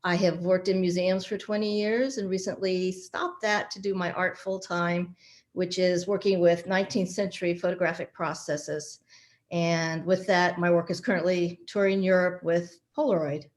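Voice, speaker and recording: A photographic artist introducing herself on a video call, poised and quick. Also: female voice, on the low side, steady tone. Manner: poised, rapid listing.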